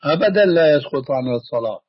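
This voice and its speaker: A man's voice: a little high, animated, racing, heavy background noise. A man answering callers' religious questions, firm and pressing them with pointed questions. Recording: muffled dry old recording.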